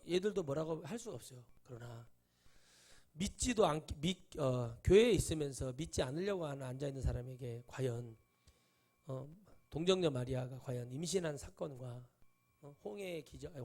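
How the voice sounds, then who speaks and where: A middle-aged man preaching a sermon as a pastor in a church, telling stories in casual speech, acting out the voices of people he quotes and breaking into sudden loud bursts. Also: mid-range voice, vocal fry. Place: church sanctuary.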